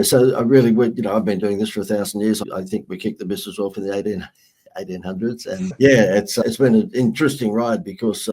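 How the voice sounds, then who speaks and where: A man's voice: low voice, dark tone, husky. A middle-aged man with an Australian accent, a marketing guest telling brash, joking stories in a casual interview.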